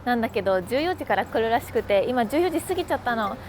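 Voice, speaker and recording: A woman with a fairly high voice chats her way through a travel vlog as she explores a city. She sounds playful and makes light jokes at her own expense. Background music plays clearly under her voice. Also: expressive, fast, a little mellow. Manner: chatty, playful, self-deprecating jokes. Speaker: travel vlogger. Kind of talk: casual travel vlog chat. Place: out and about sightseeing in a city.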